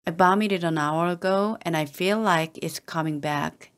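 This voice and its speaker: An English teacher with a fairly low voice reads model sentences slowly and deliberately for learners to copy. She stays calm and even, speaking carefully and repeating each line exactly the same way.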